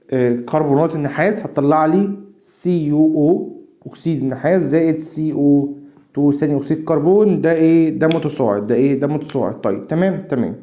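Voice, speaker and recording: Man, Egyptian accent, science teacher, rapid speech, dark mellow voice, quizzing students with repeated questions. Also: on the high side. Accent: Egyptian Arabic. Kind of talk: classroom lesson video.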